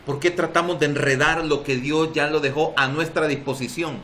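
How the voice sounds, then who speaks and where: A man's voice: fairly high pitch, steady tone, normal speed, fairly bright tone, slight background noise. A man with a Salvadoran accent preaching a sermon as pastor at a church service, emphatic and drawing responses from the congregation. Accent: Salvadoran Spanish.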